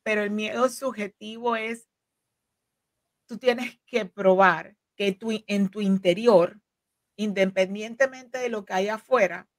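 With a medium pitch and measured pace, and no audible room sound, this woman speaks as a guest in an explanatory interview. She's an immigration legal counsel in her forties whose first language is Spanish, explaining earnestly with frequent fillers and restarts while on a video call from her home office through a desk microphone.

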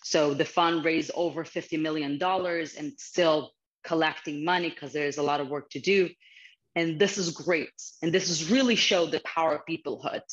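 A woman in her thirties with a Ukrainian accent, speaking earnestly and from the heart as a guest speaker over a video call from a small office. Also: deep voice. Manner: earnest, heartfelt, slightly non-native phrasing. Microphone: video call webcam. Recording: slightly muffled video call audio.

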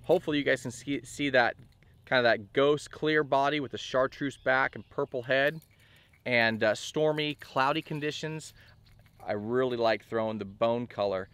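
A man's voice: mid-range voice, normal speed, clean tone, no echo. Casual man reviewing fishing gear outdoors. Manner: relaxed and chatty, with frequent fillers and restarts. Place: outdoors on a bass boat by a lake.

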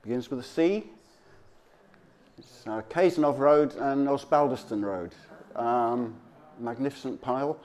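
In a medium-pitched, slightly mellow voice, a local history presenter offers an audience an informal talk over slides. He speaks hesitantly and conversationally, as if improvising.

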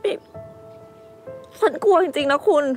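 A woman's voice: a little slow, faint music behind, lightly acted. An actress playing a feisty young woman dessert cook who talks in a chatty, pleading, stubborn way in a TV drama. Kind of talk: TV drama acting.

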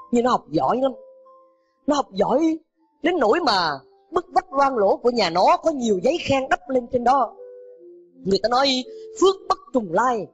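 A man teaching at a summer retreat, telling children an emotional moral story in a dramatic way. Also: extremely high pitch. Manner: dramatic, addresses listeners as children. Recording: dull lo-fi with background music.

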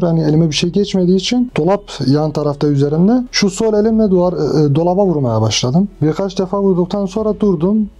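Calm dark-voiced man recounting an ordeal. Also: a little high. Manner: calm, reflective, measured retelling. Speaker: earthquake survivor. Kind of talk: personal testimony interview.

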